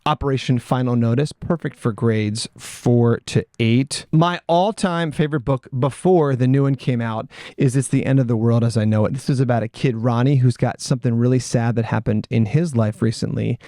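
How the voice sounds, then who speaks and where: An American man, a teacher and children's author, gives an enthusiastic, casual, playful video pitch to schoolchildren from inside a small RV. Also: moderate pace, hardly any pauses, mellow, dry recording, clean studio sound. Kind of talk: upbeat promo video aimed at schoolchildren. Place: inside a parked or moving RV, road noise mentioned.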